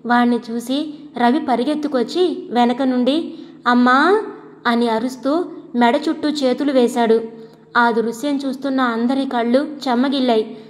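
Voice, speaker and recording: A woman narrating a storybook in a steady, expressive reading. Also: a little high, normal speed. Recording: long hall reverb.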